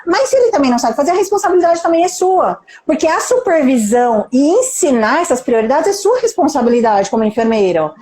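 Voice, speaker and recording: A woman's voice: high voice, very animated, quick pace, hardly any pauses, a little mellow, roomy sound. A Brazilian Portuguese-accented woman, a nurse manager and mentor, giving an emphatic motivational talk on a live stream, full of rhetorical questions and acted-out quotes.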